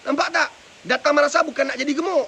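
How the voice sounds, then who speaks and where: High-pitched, gravelly preacher man. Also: steady tone, fast, bright, forceful tone, a little hiss or hum. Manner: preachy, keeps asking rhetorical questions. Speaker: madrasah religious teacher giving parenting advice. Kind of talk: live advice talk. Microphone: live stream mic with faint hiss.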